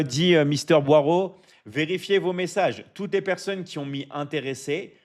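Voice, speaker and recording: A Frenchman with a slightly high voice hosts a business coaching live stream, speaking casually with lots of repetition, fillers and hype while constantly checking in with his viewers.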